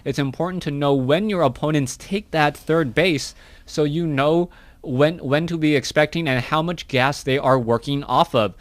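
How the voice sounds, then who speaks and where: Chatty male esports caster, higher voice. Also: moderate pace, dry recording. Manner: chatty, restarts and corrects himself often. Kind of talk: live play-by-play game commentary.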